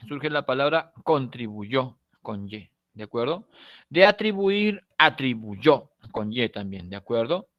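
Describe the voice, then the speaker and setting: A Peruvian man with a somewhat high voice gives a recorded lesson, explaining patiently and checking in after nearly every point. He draws out key words and lets his phrases fade at the end. The sound is dry and close. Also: dry recording. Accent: Peruvian Spanish. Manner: explanatory, checks in with frequent tag questions; stretches key words slowly, trails off softly at phrase ends. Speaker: teacher. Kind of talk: recorded online class lecture.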